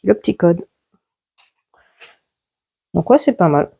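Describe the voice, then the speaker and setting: Woman host, low mellow voice, casual card-opening chatter, names cards one by one. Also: expressive, takes it slowly, creaky, slightly rough. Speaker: YouTuber opening card packs. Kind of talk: casual pack-opening commentary.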